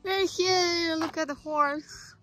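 A woman's voice: extremely high pitch, steady tone. A young woman narrating a casual travel vlog into a phone held at arm's length, cheerfully describing the places she visits. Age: young adult. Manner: slow, cheerful commentary to the camera. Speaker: vlogger. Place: in a car and outdoors on a trip. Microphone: phone camera at arm's length. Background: background music.

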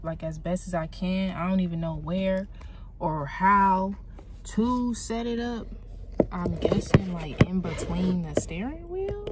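A young woman talks straight to the camera from inside her car, loose and slangy, the way a vlogger chats with viewers. She records on a phone propped by the steering wheel. Steady car and street noise runs underneath her voice. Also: mid-range voice. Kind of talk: casual car mukbang vlog.

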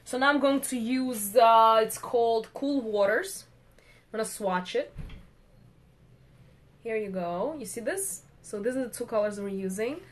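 A woman's voice: on the high side, measured pace. A young woman hosting a makeup live stream, chatting playfully with viewers as she works. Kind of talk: casual live-stream chat while doing makeup.

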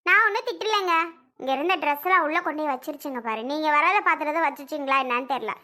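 A woman's voice: high voice, fast talker, bright, forceful tone. A woman playing a suspicious young wife who accuses her relatives in a family skit. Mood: accusing. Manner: accusing, cutting, argumentative. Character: sharp-tongued young wife, suspicious and scolding. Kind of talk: home video family skit.

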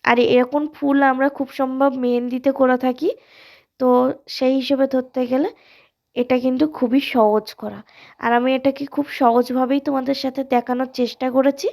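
A woman, hoarse from a cold, casually walking viewers through a step-by-step craft tutorial in a friendly, direct way. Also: high voice, flat delivery, moderate pace, darkish tone. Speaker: alta design tutorial host.

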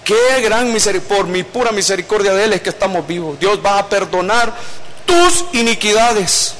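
A man's voice: sits high, animated, normal speed, fairly bright tone, slight background noise. A male pastor, preaching a sermon in a conversational storytelling way. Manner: conversational storytelling preaching, acting out quoted voices.

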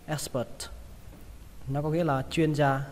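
A man's voice: a little high, level tone, long reverb tail, slight background noise. Man teaching English words with a Vietnamese accent. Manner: repeats each word slowly several times. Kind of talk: pronunciation lesson.

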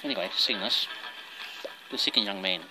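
A man's voice: on the low side, normal speed, background noise. A man from New Zealand telling a story casually while talking with a pipe in his mouth, over guitar music. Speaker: pipe tobacco reviewer. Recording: loud guitar music behind.

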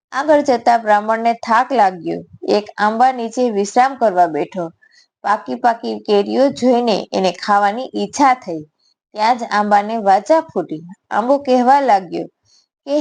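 A woman with a Gujarati accent narrating a devotional fasting story in a steady reading voice, voicing the story's animals in short quoted lines. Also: a little high, vocal fry.

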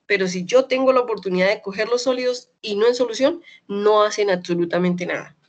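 A woman's voice: mid-range voice, highs cut off. Chatty Colombian woman teaching chemistry. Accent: Colombian Spanish, Medellín. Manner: lively, chatty, checks in with students often; spells out terms slowly and repeats them. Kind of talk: online class lecture.

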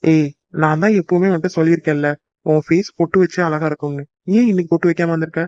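A man's voice: fairly high pitch, fairly even intonation, fast talker, a little mellow, no echo, lo-fi sound, close to an everyday voice. A young man voicing a teasing, devoted boyfriend in a cartoon, coaxing and joking. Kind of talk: cartoon voice acting.

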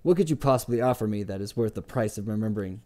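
A man's voice: fairly low pitch, lively intonation, fast, dark tone, natural voice. A man reading aloud and voicing a guarded innkeeper with a dry, cutting, sarcastic way of talking. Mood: sardonic. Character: guarded sardonic male innkeeper, middle-aged.

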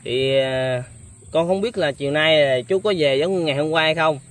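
Young guy vlogger, hesitant polite talk, kinda high pitched. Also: moderate pace. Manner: hesitant, many fillers, polite deferential. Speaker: vlogger host. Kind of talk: casual interview chat.

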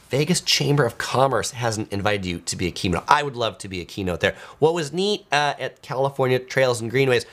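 A fairly low, fairly bright voice belongs to a man in his forties who runs a travel video channel. Sitting in his small indoor home studio, he reads out comments from viewers and chats back casually, as if addressing one person.

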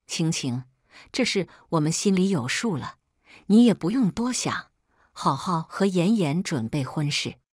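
A woman voicing a calm middle-aged father who soothes his family in a story. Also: lowish voice, measured pace, dry recording, studio quality. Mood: soothing. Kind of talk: scripted story narration.

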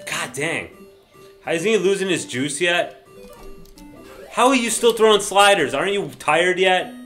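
A man giving loose, tipsy commentary on a baseball video game, his voice bright and forceful with a very lively, jumpy pitch. He cheers, groans and mutters mild curses at the players. Faint guitar music plays softly behind him. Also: measured pace. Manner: excitable, swears mildly, yells at the game. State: says he is drunk. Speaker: let's play gamer.

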